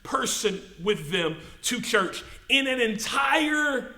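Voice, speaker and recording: A pastor preaching a sermon, swelling to emphatic peaks and slowing to stress key words. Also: male voice, very high voice, very animated, vocal fry, sharp tone, echoey room. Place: church sanctuary.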